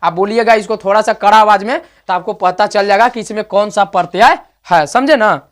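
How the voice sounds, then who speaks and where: A fairly quick man with a high-pitched, slightly bright voice runs an online grammar class. Direct with his learners, he repeats sample words out loud again and again for pronunciation practice.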